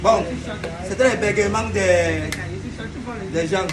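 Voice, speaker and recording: A man's voice: high voice, takes it slowly, crowd noise. Playful man acting out comic stutters. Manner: playful, acts out examples with stuttering. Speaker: comedy video host. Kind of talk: casual comic explainer.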